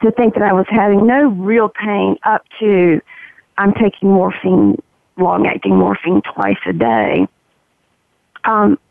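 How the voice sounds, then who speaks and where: Woman w a super gravelly croaky froggy voice, telling her story in an interview, sounds like a tinny phone call. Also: medium pitch, fairly even intonation, slow, no room sound. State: voice roughened by morphine. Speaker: interview guest. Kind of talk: personal account in an interview.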